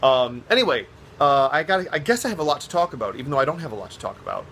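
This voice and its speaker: A man's voice: medium pitch, big pitch swings, racing, a bit bright, a little hiss or hum. Rambling, self-mocking man on a phone vlog. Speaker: vlogger, drag performer. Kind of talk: casual vlog chat. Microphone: phone on a stand.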